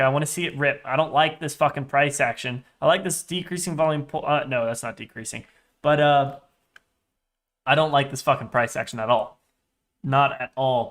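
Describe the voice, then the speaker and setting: A day trader livestreamer in his twenties gives casual live commentary in a voice on the high side with a fairly bright tone. He is restless and sweary, muttering to himself as he trades.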